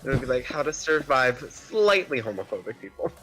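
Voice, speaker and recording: Chatty male streamer at a middle pitch, loose and rambling, with soft music in the background. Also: very animated, a little fast, poor audio. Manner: chatty, rambling with many fillers. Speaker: gaming streamer. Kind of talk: casual chat while gaming.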